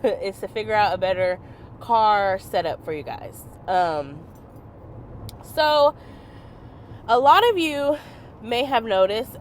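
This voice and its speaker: A woman's voice: mid-range voice, a little hiss or hum. Congested woman vlogging from her car. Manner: chatty, many fillers. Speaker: bingo content creator. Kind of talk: casual vlog while driving. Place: in a car, driving.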